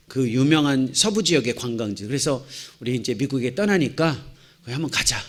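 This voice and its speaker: A middle-aged man, a missionary pastor, giving a lecture-style sermon to church teachers in a church hall on a handheld mic, telling stories with animated acted-out dialogue. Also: fairly high pitch. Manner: animated storytelling, acting out shouts and dialogue.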